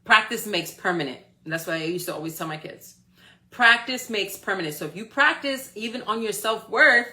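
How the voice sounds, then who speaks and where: 40-something woman doing a live pep talk, bright clear voice, super encouraging, keeps asking "right?". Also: lowish voice. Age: 40s. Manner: encouraging, checks in with frequent "okay?" and "right?". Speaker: motivational speaker. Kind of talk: live-stream motivational talk.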